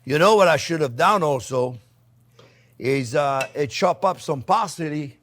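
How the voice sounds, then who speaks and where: A man's voice: on the high side, animated, unhurried, fairly bright tone, a little hiss or hum. A man hosting a cooking demonstration, talking casually and playfully to viewers as friends, with exuberant, repeated catchphrases. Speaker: chef hosting a cooking channel.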